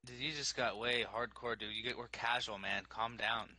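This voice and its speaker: A man's voice: medium pitch, steady tone, normal speed, bright, forceful tone, no room sound. A man on gaming voice chat, easygoing and full of casual slang. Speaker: online game player.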